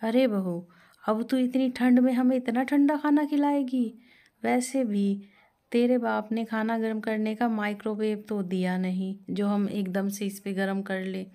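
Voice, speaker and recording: A woman voicing a harsh, greedy older mother-in-law who scolds and taunts in a raised, shrill voice. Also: fairly even intonation, unhurried, a little mellow, natural voice. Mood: scolding.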